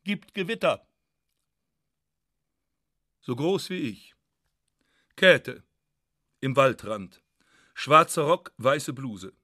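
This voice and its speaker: A man narrating a literary radio reading in a measured, ironic first-person manner. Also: mid-range voice, animated, bright, forceful tone, no echo. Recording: dry studio.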